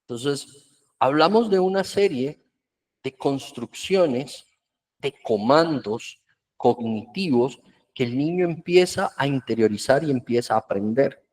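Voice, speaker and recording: A man's voice: mid-range voice, expressive, a little slow, a little mellow. A man giving a virtual workshop talk on children's emotions, in an earnest, explanatory way. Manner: earnest, explanatory, acts out parents' scolding in quotes.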